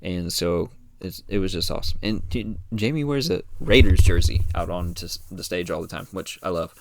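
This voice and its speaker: Low-voiced rambling American podcast host. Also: male voice, normal speed, a little hiss or hum. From United States. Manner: rambling, relaxed, many fillers and restarts. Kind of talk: casual solo podcast chat.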